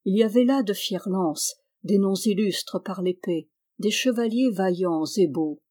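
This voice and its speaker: A woman narrating a classic novel as an audiobook reader, with an even, measured reading. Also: medium pitch.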